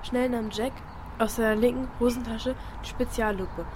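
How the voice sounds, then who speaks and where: A woman's voice: on the high side, fairly even intonation, normal speed, noisy background, lightly acted. A woman doing a bossy girl reading aloud. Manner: dramatic read-aloud, snappish asides.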